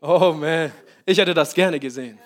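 A man's voice: on the high side, normal speed, a bit bright. A male pastor preaching a sermon, emphatic, often checking in with his congregation.

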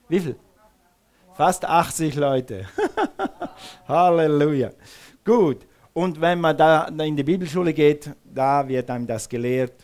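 A male pastor preaching a sermon in a church hall, calling on the congregation to repeat words back to him. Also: fairly high pitch. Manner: engages the congregation with call-and-response; uses some Swiss words.

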